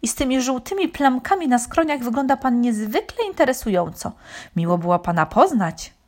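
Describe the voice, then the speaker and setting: Woman doing a curious cow, female, high and lively, gushing, storybook. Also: fairly quick.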